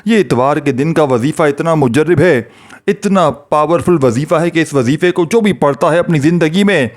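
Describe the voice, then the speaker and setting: A man preaching in a fervent, pleading way, over and over calling out to his friends and listeners. His voice sits a little high for a man. He moves into an earnest prayer voice when he leads the blessing. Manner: pleading, repetitive addresses to friends. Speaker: religious preacher. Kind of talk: devotional talk to viewers.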